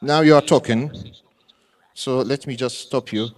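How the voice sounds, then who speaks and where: A man giving a live conference talk in halting, informal short phrases. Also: medium pitch. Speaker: conference speaker, assistant professor. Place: large conference hall with audience. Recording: reverberant large hall sound system.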